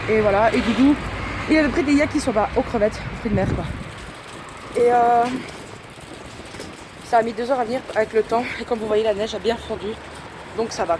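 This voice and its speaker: A woman's voice: on the high side, noisy background. A woman chatting casually as a vlogger, rambling with lots of fillers, filmed on a handheld camera at home and out walking. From Turkish family. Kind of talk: casual vlog chat. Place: home and outdoors, on the move.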